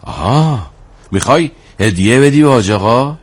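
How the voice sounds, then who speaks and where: An actor playing a younger bazaar shopkeeper in a drama, bargaining but good-hearted, colloquial and courteous. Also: male voice, mid-range voice, expressive, husky, faint music behind. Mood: haggling. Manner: colloquial, street-wise, courteous.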